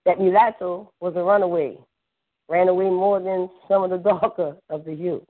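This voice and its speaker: A woman's voice: on the low side, fairly even intonation, normal speed. Emphatic woman on a tinny phone line. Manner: emphatic, repetitive, blunt with curse words. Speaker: podcast caller discussing history. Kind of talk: casual phone-call chat.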